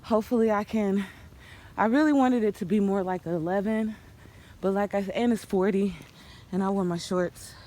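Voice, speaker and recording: A woman's voice: medium pitch, normal speed, warm tone. A woman chatting casually to her vlog, out of breath while out running and walking on a trail. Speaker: vlogger and runner. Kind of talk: casual outdoor vlog chat. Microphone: handheld phone. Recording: noisy outdoor phone recording.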